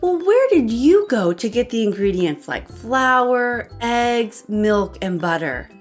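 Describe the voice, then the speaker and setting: A female host reads a children's book aloud in animated narration for young children, her pitch highly varied and her delivery unhurried and expressive. She addresses her young listeners with questions, and light music plays faintly underneath.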